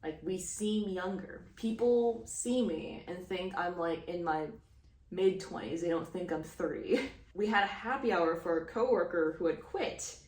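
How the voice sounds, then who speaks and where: Her voice lowish and darkish, this Houston woman in her thirties talks crochet in an unhurried, rambling way, full of fillers and little laughs. The mic is distant and the room echoes.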